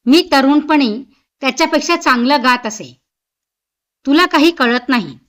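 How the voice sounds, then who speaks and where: A woman's voice: high-pitched, animated, a little slow, a bit bright. A woman reading as a stern scolding mother-in-law. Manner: scolding, commanding. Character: stern, sharp-tongued older mother-in-law.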